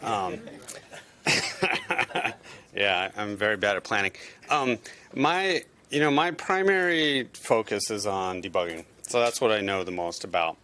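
Man, lowish pitch, crisp bright tone, informal panelist remarks. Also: lively intonation, a little slow. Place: lecture room panel.

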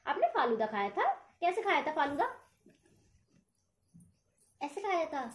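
A woman's voice: high voice, big pitch swings, measured pace. A woman at home asking a toddler playful questions in a coaxing, sing-song baby-talk manner. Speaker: host of a toddler-activity channel. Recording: echoey room, faint background noise.

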